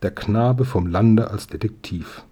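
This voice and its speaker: A man voicing a joking newspaper reporter in a storybook reading, with a husky voice. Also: on the low side, slow pace, dark tone.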